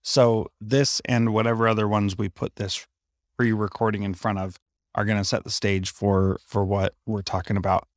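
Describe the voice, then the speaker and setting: A man's voice: on the low side, little pitch movement, moderate pace, dry recording, clean studio sound. A man co-hosting a podcast, chatting casually in an introduction recorded in a hallway. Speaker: podcast co-host. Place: hallway at a conference.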